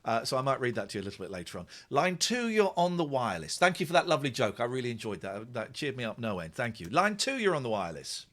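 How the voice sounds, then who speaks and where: A middle-aged man hosts a late-night phone-in on studio radio. He teases callers playfully and his pitch moves about a lot. His voice sits in an everyday middle range. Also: sing-song, fast talker, hardly any pauses, fairly bright tone. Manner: playful, teasing, breaks into laughter. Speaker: radio host. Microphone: studio mic.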